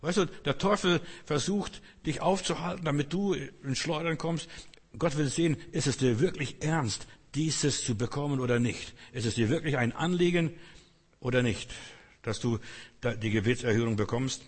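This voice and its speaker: Male preacher, husky voice, emphatic and repetitive, loud calls and quiet asides, long hall reverb. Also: mid-range voice, moderate pace. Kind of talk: sermon.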